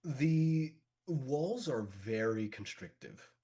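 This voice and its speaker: A man's voice: medium pitch, animated, takes it slowly, mellow. A man narrating a tabletop game as game master, describing scenes with frequent fillers and restarts.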